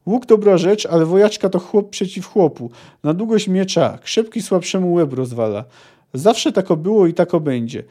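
A man's voice: high-pitched, lively intonation, moderate pace, warm tone. A man reading aloud and voicing a blunt, plain-spoken young woman archer from the forest. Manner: curt, folksy talk.

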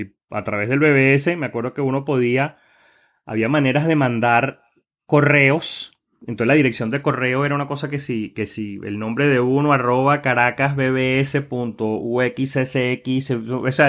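A man's voice: medium pitch, fairly bright tone. A man with a Venezuelan accent, a panelist on a casual podcast, recalling old places with many hesitations. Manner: hesitant, many fillers and restarts while recalling. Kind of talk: casual tech podcast chat.

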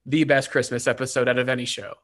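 A man's voice: medium pitch, flat delivery, quick pace, fairly bright tone. A man co-hosting a casual chat, talking enthusiastically and rambling a little. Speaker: co-host.

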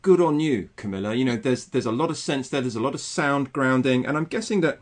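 A man hosts the interview, working his way through long questions with repeated "um, um" restarts. His voice sits at an ordinary pitch. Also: animated. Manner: halting, many "um, um" restarts.

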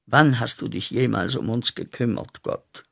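An actor playing a bitter young man back from the war in a radio play, who accuses God in a voice that swings from muttering to shouting. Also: medium pitch, moderate pace, vocal fry.

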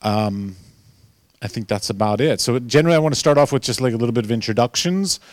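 A man's voice: medium pitch, animated, quick pace, dry recording, clean studio sound. An American man with an American accent, informally hosting a live panel discussion as moderator. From United States. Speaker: panel moderator, podcast host.

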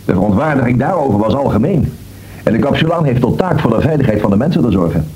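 An actor playing an earnest friend who reasons with a doubter and warns him, in a radio drama. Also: male voice, mid-range voice, very animated, quick pace, crowd noise, lightly acted, rough recording. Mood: reasoning. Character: earnest man warning his doubting friend.

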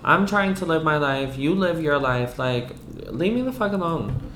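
A woman from the US East Coast, her voice sitting low at normal speed, tells a host a personal story as a guest. She is frank and animated, sprinkling in "like" and some swearing, in a roomy, echoey recording with a little hiss or hum.

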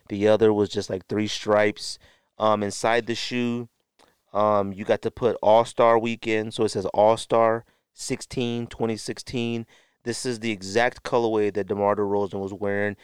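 This is casual show-and-tell talk to camera from a man who hosts a sneaker podcast; he speaks unscripted, wanders a bit, and corrects himself while displaying items. His fairly low voice sounds clear and resonant. The studio sound is clean and dry.

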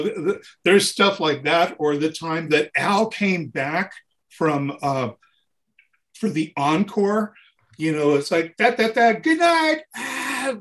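Speaking as an interview guest, a touring keyboard player with a notably high voice tells stories in a loose, animated way. He acts out dialogue and sounds, voices what people said, and repeats phrases to hammer them home.

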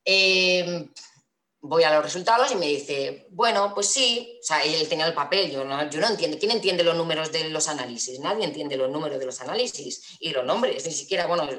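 A woman tells a personal story to her viewers. Her voice sits low. She rambles with frequent restarts and fillers, and the room echoes noticeably around her. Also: brisk, fairly bright tone.

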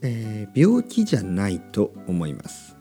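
A man hosting a podcast for learners of Japanese, speaking slowly in simple words and repeating them, with a slightly sore throat. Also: on the low side, wildly swooping pitch, vocal fry, dark tone, soft background music. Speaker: podcast host teaching Japanese. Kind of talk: slow, simple podcast talk for language learners.

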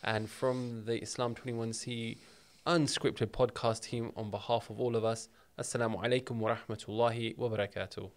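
A man with a South London accent hosts a casual podcast. His voice sits at an ordinary pitch, and he keeps the talk friendly, bantering and quick to laugh. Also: flat delivery, a little hiss or hum. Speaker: podcast host.

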